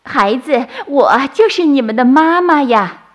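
A woman voicing a tender, worried mother turtle in a bedtime story, speaking softly and a little lower than her narration. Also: big pitch swings, normal speed, breathy edge, full character voice. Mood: joyful.

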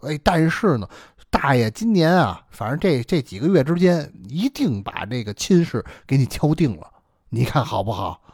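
A man's voice: medium pitch, big pitch swings, moderate pace, darkish tone, husky, no room sound, clean studio sound. A man voicing a kindly elderly neighbor, talking earnestly and fatherly in a storytelling performance. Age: older. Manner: earnest, self-reproaching, fatherly.

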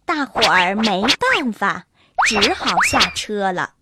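A woman telling a children's bedtime story in a slow, expressive, sing-song way. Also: mid-range voice, heavy background noise. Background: soft music.

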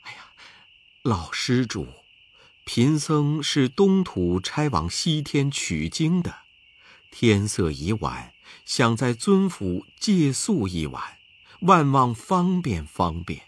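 A storyteller voicing a gentle, fretful pilgrim monk who speaks softly and politely. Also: mid-range voice, very animated, slow, breathy edge, exaggerated voice. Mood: pleading. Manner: soft, pleading, polite. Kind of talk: children's storybook narration.

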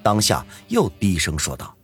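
Guy reading a web novel audiobook, husky voice, pitch swings wildly, music under it. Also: huge pitch swings, normal speed, a bit bright. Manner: dramatic storyteller. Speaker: audiobook narrator. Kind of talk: serialized web-novel narration.

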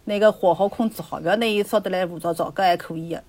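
A woman's voice: lowish voice, steady tone, fast talker, darkish tone. A woman with a Shanghai accent chatting casually and explaining home cooking in step-by-step detail.

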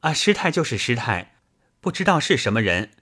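A man voicing a timid young boy monk who answers hesitantly, filling pauses with uncertain sounds. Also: medium pitch, big pitch swings, a bit bright, husky, voice pushed up.

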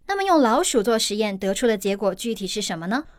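A woman's voice: medium pitch, big pitch swings, quick pace, no echo, studio quality. A woman teacher explaining an English news article in steps, with everyday examples.

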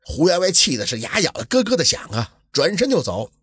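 A man narrating an old folk tale in a lively, colloquial storytelling manner. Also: a little high, fairly quick, slightly rough, dry recording, clean studio sound.

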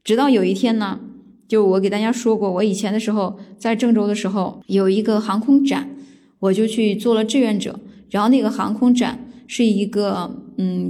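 Chinese woman chatting in a loose, rambling way. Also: medium pitch. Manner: relaxed and rambling, with frequent thinking pauses. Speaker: vlogger. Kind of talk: casual storytelling monologue.

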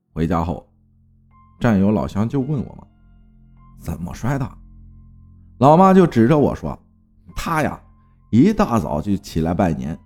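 Man, storyteller, spooky folk tale, very animated, dark mellow tone. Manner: lively, dramatic telling with big swings of pitch.

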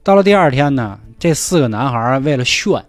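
A man tells a ghost story at a quick clip, slipping into hushed, half-whispered voices for the characters. The sound is dry and close, with faint music in the background. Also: medium pitch, animated, no room sound. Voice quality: colloquial, acts out dialogue in hushed voices. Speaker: podcast storyteller. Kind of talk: casual ghost story telling.

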